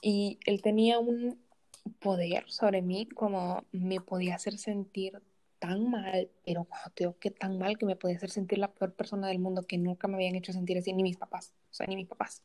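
Young woman guest, chatty storyteller, mid-pitched, warm voice. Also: moderate pace. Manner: animated, retells conversations, frequent "o sea". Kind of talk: casual personal storytelling.

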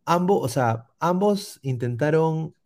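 A man's voice: a little high, lively intonation, slow, a little mellow. A man with a Peruvian Spanish accent, co-hosting a casual stream, reading chat and rambling with many restarts.

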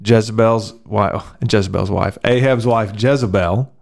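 Low-voiced pastor talking scripture. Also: male voice, gravelly. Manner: thoughtful, speeds up and slows down while explaining. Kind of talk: casual conversation on scripture.

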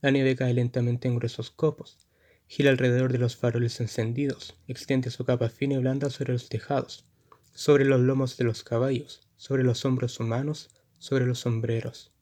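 Man, narrator, storybook reading, measured, descriptive, middle pitch. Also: little pitch movement, mellow.

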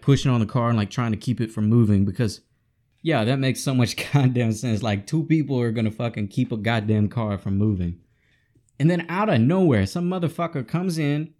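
A man's voice: mid-range voice, darkish tone. A frustrated man ranting with heavy profanity to his audience in a casual vlog. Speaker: vlogger. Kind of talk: profane angry rant.

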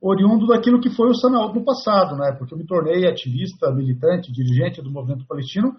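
A man from Brazil, a guest speaking formally and steadily, often pausing on "eh". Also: fairly high pitch, animated, dull audio. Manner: measured, with frequent "eh" fillers. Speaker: guest, president of an organization.

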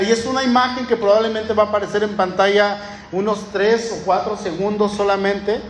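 A man's voice: sits high, reverberant, slight background noise. A man preaching a sermon as pastor, emphatic, often checking his listeners agree.

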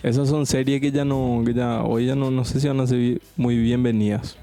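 A man's voice: medium pitch, steady tone, normal speed, warm tone, soft background music. A man, co-hosting a casual podcast among friends and rambling through stories with casual swearing. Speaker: podcast co-host. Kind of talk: casual chat between friends.

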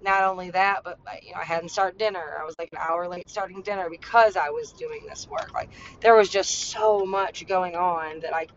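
A woman speaks in a loose, confessional monologue, circling back with constant fillers and blunt, salty language. The audio is dull and lo-fi. A soft vehicle rumble hums faintly behind her. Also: expressive, normal speed, hardly any pauses. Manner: rambling, heavy use of "like" and "you know"; blunt, swears freely. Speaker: podcast host. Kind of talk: candid personal monologue.

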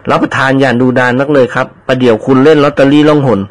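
A man's voice: medium pitch, steady tone, rapid-fire, lightly acted. A man reading the part of a fawning, money-dreaming male servant, slipping a servile polite tic into every sentence. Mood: pleading. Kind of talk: audiobook character reading.

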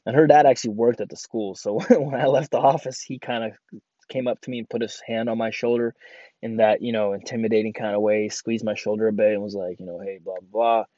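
A man's voice: medium pitch, flat delivery, a little fast, dark tone, no room sound, lo-fi sound. A young man born in Ukraine, hosting a podcast and telling a personal story with many fillers and restarts. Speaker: podcast host.

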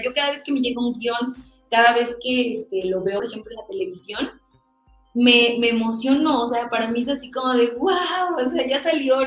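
A Mexican woman telling a lively story in an interview, acting out quoted dialogue in a chatty, animated way. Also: on the high side, echoey room, low-quality recording. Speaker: guest voice actress.

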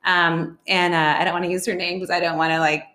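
A woman co-hosting a casual chat show, telling a story with lively, acted-out quotes. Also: fairly low pitch, quick pace, reverberant. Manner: animated storyteller, acts out quotes. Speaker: podcast co-host.

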